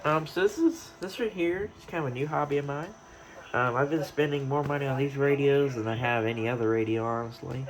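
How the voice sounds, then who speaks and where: This radio hobbyist vlogger, medium-pitched with fairly even intonation, talks a little fast as he presents his gear indoors in his room. He thinks aloud, rambling and hesitating, in a noticeably noisy home recording.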